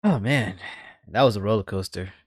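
A woman's voice: a bass voice, moderate pace, no room sound, clean studio sound. A woman hosting a podcast, joking and blunt in casual chat. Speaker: podcast host.

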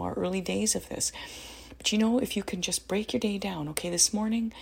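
A middle-aged woman talks through parenting advice in a deep, very breathy voice with a gravelly edge. She sounds earnest and encouraging, and often checks in with "you know" and "right?". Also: darkish tone. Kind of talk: casual spoken advice talk.

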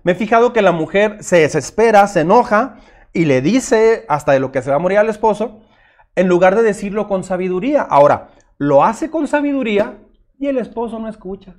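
A man's voice: high-pitched, expressive, fairly quick. A middle-aged man, preaching a sermon as pastor in an earnest, direct way. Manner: earnest, direct, addresses listeners as usted, acts out their objections.

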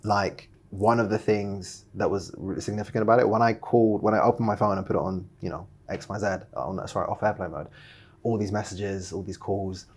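A young man telling stories in a casual interview, chatty and animated, with many fillers and laughs. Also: lowish voice, fairly quick, husky. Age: young adult. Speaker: guest, video production founder.

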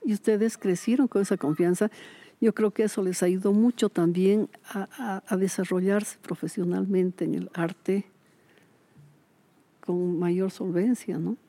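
A woman, a retired teacher chatting in an interview and telling lively stories. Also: medium pitch, measured pace, no echo. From Bolivia. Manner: lively storyteller, acts out quoted voices, laughs often. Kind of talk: casual interview chat.

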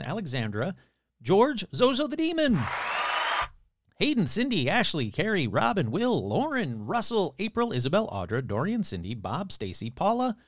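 Lively, rambling male podcast host. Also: a little high, no room sound, studio quality. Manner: loose, rambling, playful delivery with swearing. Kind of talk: casual podcast chat.

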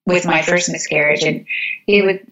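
A woman guest speaking in a thoughtful, measured way, often pausing on "you know". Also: lowish voice, fairly even intonation, fairly bright tone, highs cut off. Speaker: interview guest. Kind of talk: reflective interview talk.

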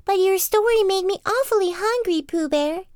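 Roo, a squeaky eager little kangaroo, voiced by a woman. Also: normal speed, darkish tone, dry recording, studio quality. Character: small eager young male kangaroo, excitable.

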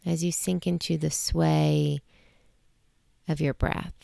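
A woman guiding a sleep meditation in a slow, soothing, hushed way. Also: low-pitched, flat delivery, creaky, dry recording, clean studio sound. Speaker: meditation guide.

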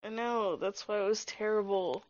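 A woman's voice: medium pitch, normal speed, darkish tone, no room sound, muffled recording. A woman chatting casually over a film, blunt and teasing as she comments. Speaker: movie reaction commentator. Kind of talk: casual film-watching chat.

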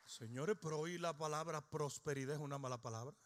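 A male pastor, preaching a humorous sermon that swings from shouting to low, joking storytelling. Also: fairly quick, slight background noise.

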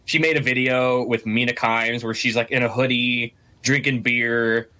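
Animated, bright-voiced man chatting sports. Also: medium pitch, normal speed. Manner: animated, swears freely, rambling with restarts. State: has the hiccups. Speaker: podcast co-host. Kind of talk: casual sports podcast chat.

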